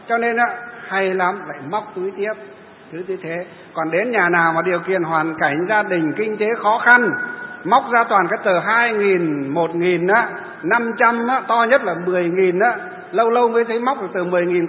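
High-voiced man preaching in an echoey hall. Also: a little hiss or hum. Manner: rhetorical questions to the audience, answered himself; mimics wailing funeral laments. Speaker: Buddhist preacher. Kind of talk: dharma talk sermon. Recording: echoey hall over a tinny line.

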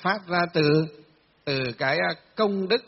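A monk with a high, husky voice gives a sermon, asking questions and answering them himself, pausing often on filler sounds. The recording sounds dull and distant, with a long echo in a temple hall. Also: male voice. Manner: many filler sounds, halting delivery. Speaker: Buddhist monk teacher. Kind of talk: dharma talk.

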